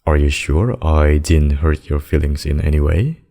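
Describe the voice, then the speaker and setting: A man voicing a possessive demon king and lover in a scripted ASMR roleplay, speaking deliberately and intimately. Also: rumbling low, dark tone. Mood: tender, concerned. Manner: slow, deliberate, intimate addresses with pet names. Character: possessive demon king, menacing abductor turned tender secret lover.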